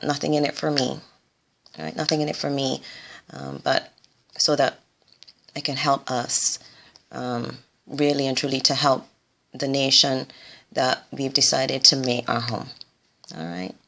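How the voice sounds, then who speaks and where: A woman doctor in her forties speaks in a motivational vlog to foreign medical graduates. Her voice sits low and carries a gravelly rasp. She talks earnestly and repeats her key phrases for emphasis. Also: fairly bright tone.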